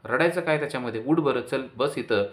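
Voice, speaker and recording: A man's voice: mid-range voice, a little fast, voice pushed up, lightly acted. A man voicing a grown woman, an affectionate elder sister who scolds and teases her younger brother. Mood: fond. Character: adult woman, loving elder sister, teasing.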